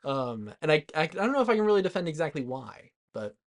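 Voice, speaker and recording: Co-hosting a podcast, a man chats casually about movies in a loose, hesitant way, dropping "like" again and again. He talks fast, with a fairly high pitch and big swings in it.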